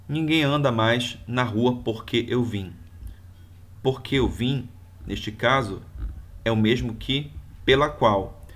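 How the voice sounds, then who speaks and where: A man's voice: mid-range voice, fairly bright tone. Man giving a grammar lesson. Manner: didactic, explains step by step with examples. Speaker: Portuguese teacher.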